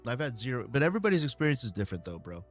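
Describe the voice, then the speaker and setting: A man hosting a casual live stream, answering viewer questions in a relaxed way with many ums and uhs. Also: mid-range voice, racing, soft background music.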